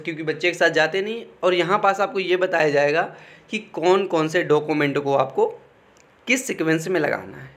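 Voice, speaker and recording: His voice sits on the high side and sounds fairly bright as this young YouTuber gives students informal exam guidance. Conversational throughout, he keeps pausing to check in with an "okay."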